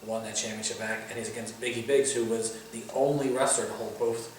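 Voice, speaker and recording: In a casual interview, a man who works as a wrestling pundit previews shows in detail like an announcer, rattling off titles and credentials. His medium-pitched voice is steady and brisk. The recording comes from a very echoey room with a distant mic and faint noise.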